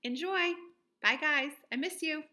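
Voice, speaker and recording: An elementary school teacher in her thirties reads aloud to children from a room at home, using simple, direct questions to encourage them. She has a high voice and keeps a measured pace.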